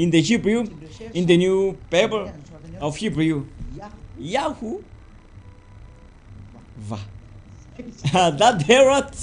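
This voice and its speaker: Male preacher, high-pitched, slow and deliberate, emphatic. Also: darkish tone. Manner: slow and deliberate, spells out words letter by letter, rising to emphatic insistence. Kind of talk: sermon teaching.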